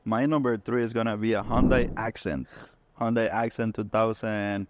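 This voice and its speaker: A man's voice: lowish voice, normal speed, background noise. A man from Honduras co-hosting a car podcast, telling stories casually, with curse words and frequent restarts. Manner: relaxed storytelling with swearing and restarts. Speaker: podcast co-host. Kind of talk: casual chat.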